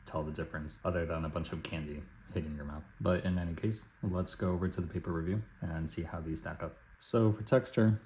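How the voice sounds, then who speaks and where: Male food reviewer, low-pitched voice, casual and matter-of-fact, talking through a taste test in measured phrases. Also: fairly even intonation, darkish tone, rough recording.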